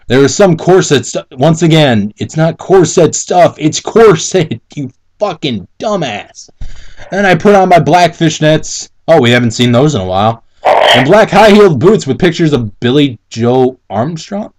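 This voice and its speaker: A co-host mocking fan fiction through a dramatic reading speaks unhurriedly in a slightly high voice with lively intonation. He chats casually, giggling, stumbling, and letting out exasperated profanity.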